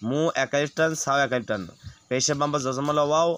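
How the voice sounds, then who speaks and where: A man teaching Quran recitation, explaining rules quickly and then reciting words slowly and drawn out. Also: fairly high pitch, fairly bright tone. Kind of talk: spelling-out recitation lesson.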